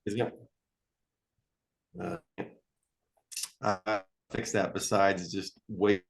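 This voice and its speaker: A man from a treatment program presenting over a video call, talking haltingly with many fillers while his scratchy audio keeps cutting out. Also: low-pitched, level tone. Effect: glitchy, scratchy audio cutting out on a video call.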